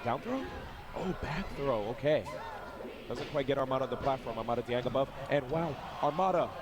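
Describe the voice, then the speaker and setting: A man's voice: mid-range voice, a crowd in the background. A man commentating a tournament match, calling moves in short bursts. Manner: describes moves in quick bursts. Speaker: esports commentator. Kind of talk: play-by-play commentary. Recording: broadcast with loud music behind.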